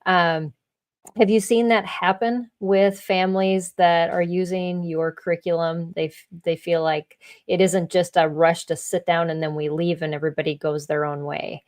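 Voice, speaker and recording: A woman's voice: lowish voice, level tone, normal speed, a little mellow. A middle-aged woman hosting an interview in casual chat, often repeating words as she thinks. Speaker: podcast host.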